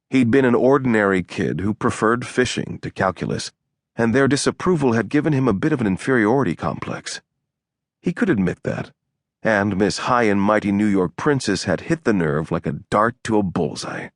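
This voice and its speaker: A man narrating an audiobook in a measured, even storytelling manner on a close studio mic. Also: on the low side, dry recording. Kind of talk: scripted narration.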